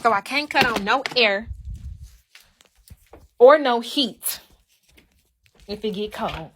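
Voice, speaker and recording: A young woman rants to her livestream audience in a casual, unfiltered way. Her voice sits a little high, and she swears freely, hammering each point home. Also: animated, takes it slowly, background noise. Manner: blunt, profane, emphatic ranting.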